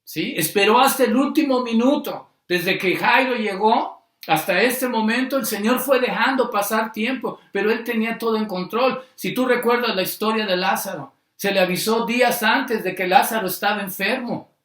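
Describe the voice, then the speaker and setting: A man preaching a sermon, repeating phrases and slowing down on the key words for emphasis. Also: sits high, fairly bright tone, roomy sound.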